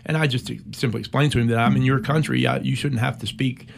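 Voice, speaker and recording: Steady and gravelly at a medium pitch, a middle-aged American military veteran shares a personal war story in an interview. He speaks reflectively and with measure, pausing frequently.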